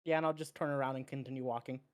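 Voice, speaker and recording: A woman's voice: a bass voice, fairly even intonation, rapid-fire, slight background noise. A woman playing in a tabletop game, chatting casually with stumbles and the odd swear. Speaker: player.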